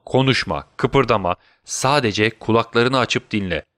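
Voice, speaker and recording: A man's voice: mid-range voice, measured pace, fairly bright tone, dry recording, clean studio sound, close to an everyday voice. A man voicing a brilliant detective who fakes a deadly illness, switching between urgent orders and weak whispers. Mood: urgent, commanding. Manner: urgent commands, then feeble whispers. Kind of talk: audiobook character voice.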